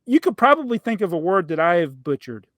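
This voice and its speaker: Chatty middle-aged man, slightly high voice. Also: big pitch swings, a little fast, fairly bright tone, no echo. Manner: rambling storyteller, laughs often. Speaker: podcast host. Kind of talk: casual chat.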